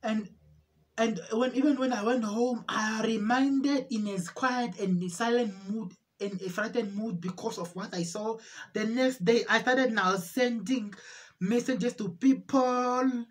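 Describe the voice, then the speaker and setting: Woman giving a pleading religious testimony. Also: fairly high pitch. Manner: repetitive, pleading, voice rising into cries; halting, with restarts. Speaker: testimony speaker.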